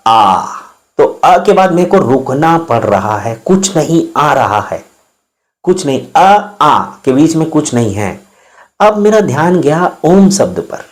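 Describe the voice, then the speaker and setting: A man giving an informal spoken lesson, explaining as he goes, sounding out vowels and consonants one by one and often checking in with his listeners. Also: a little high.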